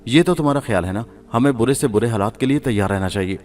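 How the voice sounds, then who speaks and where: A man's voice: mid-range voice, a little mellow, soft background music, lightly acted. A man voicing a kind-hearted male pilot in a spoken story, talking in a reassuring, helpful way.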